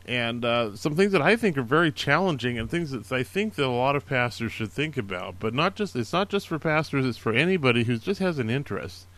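A man at a middle pitch talks casually through his book picks. He is earnest and encouraging, and he restarts his sentences often with plenty of fillers. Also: animated, fairly quick, hardly any pauses, a bit bright. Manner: conversational, many fillers and restarts. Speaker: podcast host recommending books. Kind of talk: casual spoken book recommendations.

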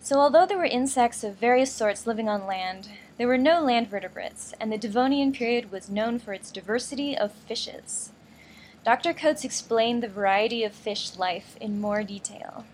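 A woman hosting a science show, reading scripted radio narration in a bright, curious presenting manner. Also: a little high, normal speed, slight background noise, low-quality recording. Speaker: science show host and interviewer.

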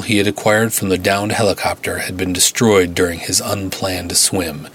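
A man reading his own adventure story aloud in a steady, dramatic narration. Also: low voice, a little hiss or hum.

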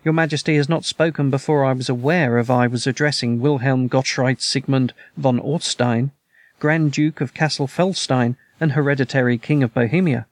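A man's voice: medium pitch, fairly even intonation, moderate pace, no room sound, close to an everyday voice. A man reading the lines of a coolly detached, languid detective with dry, clipped remarks in an audiobook story.

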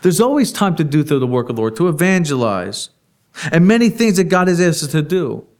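A man preaching a sermon in a conversational way, asking the congregation rhetorical questions and laughing softly now and then. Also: fairly high pitch, big pitch swings, brisk.

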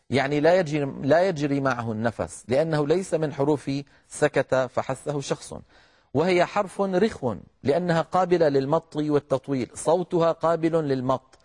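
A middle-aged man teaching the articulation of letters in a measured, explanatory lecture, addressing his listeners as brothers. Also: on the high side, darkish tone. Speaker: Quran recitation teacher.

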